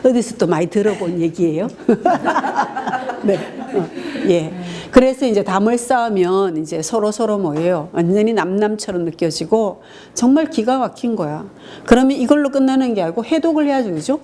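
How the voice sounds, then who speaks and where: A middle-aged woman giving a lively lecture in a hall, acting out couples' quarrels in mock voices and dotting her talk with short affirmations. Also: medium pitch, moderate pace. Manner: acts out quarrels in mock voices, frequent "예" fillers.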